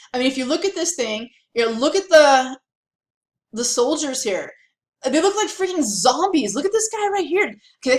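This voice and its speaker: A woman's voice: high voice, reverberant. A woman teaching a history lesson in a chatty, casual way, with lots of fillers and asides. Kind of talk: casual classroom lecture.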